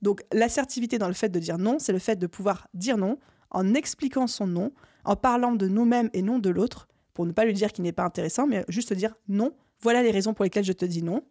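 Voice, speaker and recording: Woman coaching in a warm, dry voice. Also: mid-range voice, a little fast, dry recording. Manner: clear, structured, coaching tone with lively emphasis. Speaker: podcast host. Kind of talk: solo podcast advice talk.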